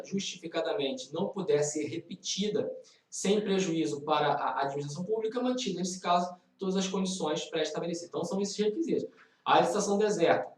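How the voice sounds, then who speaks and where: A man's voice: high-pitched, roomy sound, distant mic, rough recording. A man with a Brazilian Portuguese accent teaching law in a live online lesson, explaining exam questions and driving key points home by repeating them. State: tired. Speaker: law professor.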